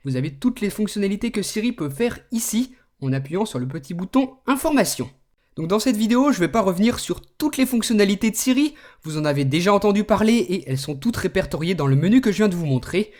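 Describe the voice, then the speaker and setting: A man hosting a tech video, explaining a phone's features in a relaxed way and speaking commands to it. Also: sits high. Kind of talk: screen demo tutorial.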